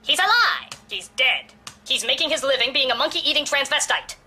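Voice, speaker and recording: A woman's voice: animated, normal speed, bright, forceful tone, faint music behind, exaggerated voice. A woman playing an earnest, overwrought narrator of a campaign video in a comedy sketch. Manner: earnest, escalating into shrill.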